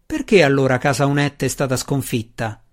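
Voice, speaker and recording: A scheming dark elf matron who presses every point and will not let it go, read out by a man in his own voice. She sounds sharp and insistent, an audiobook villainess pushing her claim. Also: medium pitch, normal speed, close to an everyday voice. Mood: stern. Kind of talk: audiobook reading.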